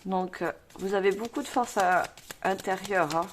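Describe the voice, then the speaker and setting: Woman, tarot reader, rambling delivery with lots of fillers, mid-pitched, everyday voice. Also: moderate pace, slight background noise. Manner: rambling, fillers and self-repeats, reads cards aloud. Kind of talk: tarot reading video.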